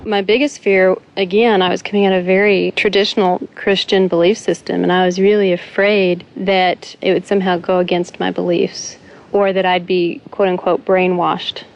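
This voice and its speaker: A woman's voice: fairly low pitch, level tone, moderate pace, gravelly, muffled recording. A woman from Texas giving an earnest testimonial about a course she took. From Texas, USA. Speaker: course graduate. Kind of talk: testimonial interview.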